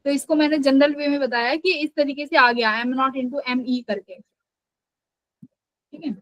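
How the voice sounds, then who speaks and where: A woman's voice: sits high, fairly even intonation, normal speed, a bit bright, no echo, dull audio. A young adult woman teaching physics in a live online class, explaining patiently and often checking that the students follow.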